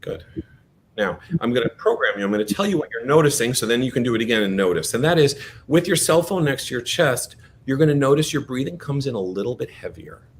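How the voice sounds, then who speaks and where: A man teaching a breathing exercise, giving gentle step-by-step guided instructions in a coaxing manner. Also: animated, fast talker. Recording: noisy background with low rumble.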